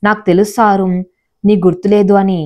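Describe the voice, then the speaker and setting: A woman's voice: medium pitch, flat delivery, moderate pace, muffled recording, lightly acted. A woman voicing a hurt young wife. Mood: teasing.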